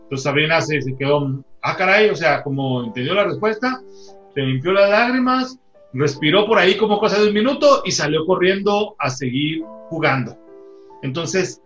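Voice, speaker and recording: A man co-hosting a talk show, his voice high and bright as he tells a story. He talks in an animated way and acts out the dialogue he quotes. Faint music plays behind him. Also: normal speed, roomy sound, highs cut off. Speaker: co-host.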